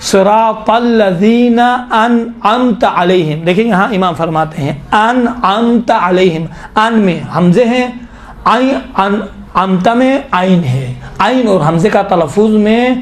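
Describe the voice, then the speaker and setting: A high-pitched, middle-aged man teaches tajweed, the recitation of the Quran. He explains step by step, slowly reciting and repeating verses to show how they're pronounced.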